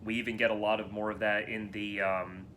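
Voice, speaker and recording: A man co-hosting a relaxed movie podcast, with a bright, forward voice. He talks in long, eager runs and often restarts his phrases. A faint hiss and a low rumble sit under the recording. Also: a little fast. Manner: animated, rambling with many restarts. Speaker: podcast co-host. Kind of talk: casual film discussion chat.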